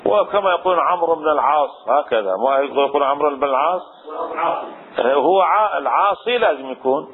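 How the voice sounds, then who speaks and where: A man's voice: on the high side, lively intonation, a little fast. A man teaching Arabic grammar in a traditional lesson, explaining step by step with many repeats and restarts. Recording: tinny phone-like radio sound.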